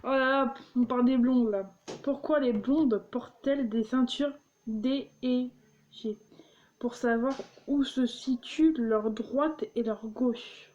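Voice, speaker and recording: A woman's voice: on the high side, slow, a little mellow, highs cut off. A young woman reading jokes aloud and explaining them, giggling often and tripping over her words. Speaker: vlogger.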